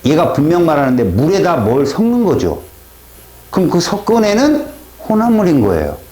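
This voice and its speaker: Lively male science teacher in echoey classroom. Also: on the high side, moderate pace. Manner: lively, questioning students and mimicking reaction sounds. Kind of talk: classroom lecture.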